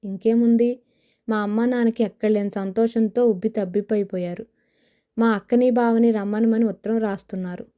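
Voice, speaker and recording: A woman's voice: fairly high pitch, fairly even intonation, normal speed, dull audio, lightly acted. A woman voicing a wistful young village woman who dreams of film stardom, in an audio novel. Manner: wistful, sighing.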